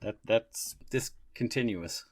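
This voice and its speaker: A man's voice: on the low side, slow. A man co-hosting a casual podcast, agreeing readily and laughing easily as he chats about a radio series. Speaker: podcast co-host.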